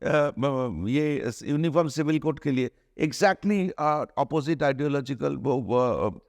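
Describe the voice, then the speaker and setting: A middle-aged man from India, a film director giving an interview, arguing his points earnestly with many restarts and drawn-out hesitations. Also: medium pitch, darkish tone, no room sound, clean studio sound. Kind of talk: conversational interview, mixing Hindi and English.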